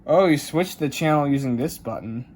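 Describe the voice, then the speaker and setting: Hosting a radio unboxing video, a man narrates in a casual, showy hobbyist style, announcing each step like a presenter. His voice is a little high and darkish in tone, at a moderate pace. The room is noisy, with ambient hiss.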